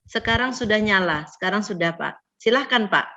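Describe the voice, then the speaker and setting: A woman's voice: medium pitch, animated, moderate pace, pushed and bright. A woman moderating a webinar over a video call, politely guiding the speakers. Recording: dull lo-fi audio.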